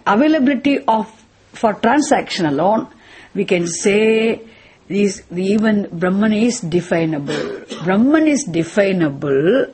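A woman with a South Indian accent and a husky voice, teaching a philosophy lesson in a didactic way, repeating points and posing rhetorical questions. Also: fairly high pitch, a little mellow, a little hiss or hum. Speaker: Vedanta teacher.

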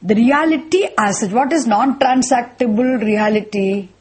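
A woman with a South Indian accent and a husky voice, teaching a philosophy lesson in a didactic way, repeating points and posing rhetorical questions. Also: fairly high pitch, moderate pace, a little mellow. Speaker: Vedanta teacher.

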